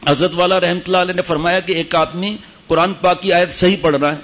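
Preaching sternly to a gathering at a mosque retreat, a religious teacher scolds his listeners with rhetorical questions. His high-pitched voice is steady and fairly bright, and the sound is lo-fi.

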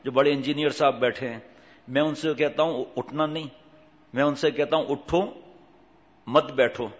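A man's voice: on the high side, fairly even intonation. A man delivering an Islamic sermon, chatting with his audience, asking them questions and acting out the people in his stories. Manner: conversational, asks the audience questions, acts out the voices in his stories. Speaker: Islamic preacher. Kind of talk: sermon with anecdotes. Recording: dull, long hall reverb.

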